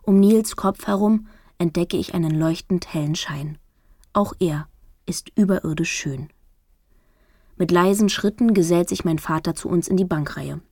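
A woman narrating a first-person novel as an audiobook, wry and lively. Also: fairly low pitch, normal speed, no room sound, studio quality.

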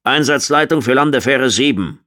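A gruff military commander barks short, impatient orders, as a male narrator puts him on. The reader lifts his deep voice a little and clips every line. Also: animated, fairly quick, fairly bright tone. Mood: curt. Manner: curt, barking orders.

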